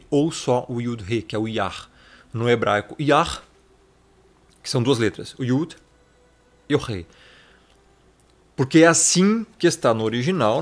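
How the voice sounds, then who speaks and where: A man's voice: medium pitch, breathy edge. Man teaching a casual Bible study. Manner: explanatory, addresses viewer as brother.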